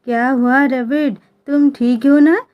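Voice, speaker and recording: A woman voicing a young man as a gentle, worried husband in a storybook romance. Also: high voice, fairly even intonation, slow pace, muffled recording. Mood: tender concern. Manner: gentle, coaxing.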